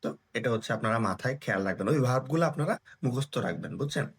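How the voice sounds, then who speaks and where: Male teacher, young adult, husky mid-pitched voice, step-by-step lesson delivery in short phrases. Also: lively intonation, rapid-fire. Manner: talks in short broken phrases, checks in with listeners. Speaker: Japanese language teacher. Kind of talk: explaining grammar lesson.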